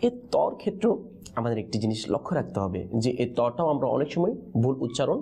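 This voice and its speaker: A man teaching the pronunciation of Quranic letters in a lesson, pausing on questions so his students answer in chorus. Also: medium pitch, sing-song, warm tone, breathy edge. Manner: call-and-response teaching, prompting answers with questions.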